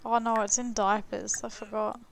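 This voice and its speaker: A woman's voice: mid-range voice, little pitch movement, moderate pace, creaky. A young woman, chatting blunt and crude as she plays a life-sim game, swearing and laughing freely. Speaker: gaming streamer. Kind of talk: casual gameplay commentary.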